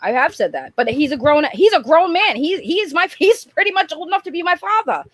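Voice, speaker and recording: A woman's voice: very high voice, animated, brisk, fairly bright tone, dry recording. A woman in her thirties co-hosting a casual panel chat, emphatic and argumentative, repeating her points. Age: 30s. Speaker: podcast co-host.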